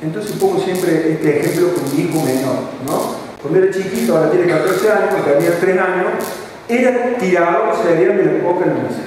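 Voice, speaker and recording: A man's voice: sits high, fairly quick, a little mellow, a little hiss or hum. A middle-aged man with an Argentine accent giving a leadership talk at a conference, telling stories and acting out the dialogue. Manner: storytelling, acts out dialogues. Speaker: conference speaker. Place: large conference hall. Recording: echoey hall from far off.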